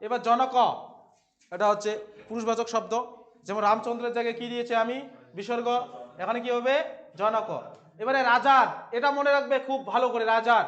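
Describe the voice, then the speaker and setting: A man's voice: very high voice, fairly bright tone. A man with a Bengali accent teaching a Sanskrit translation lesson, asking questions and answering them himself and repeating the key words. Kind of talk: classroom lesson explaining translation.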